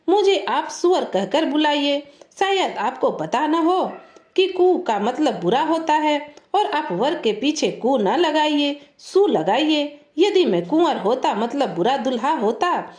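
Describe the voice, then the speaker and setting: A woman's voice: high-pitched, darkish tone, reverberant. A woman voicing a foolish, self-important young male scholar who lectures and scolds in a pedantic way.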